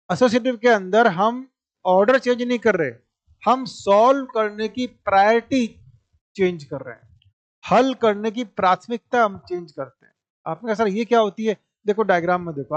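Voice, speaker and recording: A man's voice: sits high, dry recording, highs cut off. A male maths teacher, giving a classroom lecture, explaining step by step, repeating points and asking rhetorical questions.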